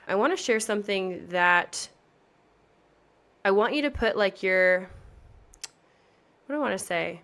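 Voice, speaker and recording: A woman in her thirties, a pageant coach, talking on her podcast in a chatty, earnest, motivational way with lots of emphasis. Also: medium pitch. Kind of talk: casual podcast chat.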